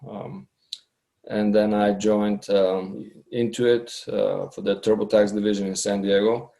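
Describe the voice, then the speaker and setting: Gravelly man, hesitant. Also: lowish voice, flat delivery, measured pace, dark tone. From Bulgaria. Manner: hesitant, many fillers and restarts. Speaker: guest, customer researcher. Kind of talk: casual interview talk.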